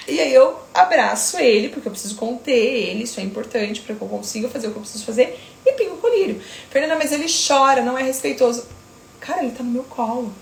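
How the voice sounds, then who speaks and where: A woman, a sleep consultant talking firmly and emphatically with quick asides. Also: a little high, vocal fry, a little mellow, roomy sound, slight background noise. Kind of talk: casual talk to camera.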